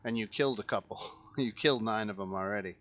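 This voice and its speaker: A man running an online tabletop game as dungeon master, laying out the rules in slow, measured explanations with fillers. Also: fairly low pitch, fairly bright tone, muffled recording.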